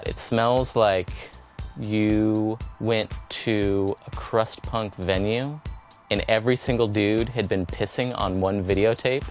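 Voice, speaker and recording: Casting: a man with a lowish voice, deadpan and crude, piling up exaggerations. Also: slow, soft background music. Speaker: interviewee.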